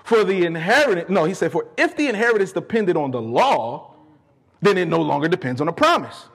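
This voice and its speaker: A man preaching a sermon, fervent and emphatic, repeating key phrases for weight and moving between quieter earnest asides and raised declarations. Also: high voice, very animated, a little fast, gravelly, slightly rough. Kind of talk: sermon with scripture exposition.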